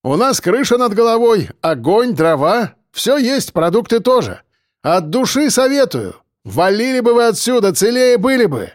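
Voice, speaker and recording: A man voicing a bold young male survivor who shouts back blunt, defiant answers, in an audiobook. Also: very high-pitched, big pitch swings, normal speed, no echo, clean studio sound, pitched above the performer's own voice. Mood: pressing. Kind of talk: audiobook character voice.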